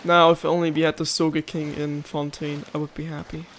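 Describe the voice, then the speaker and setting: A man's voice: fairly high pitch, flat delivery, brisk, a little hiss or hum. Chatty man rambling over gameplay. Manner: rambling, chatty, easily sidetracked. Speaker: gameplay video host. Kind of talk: casual gameplay commentary.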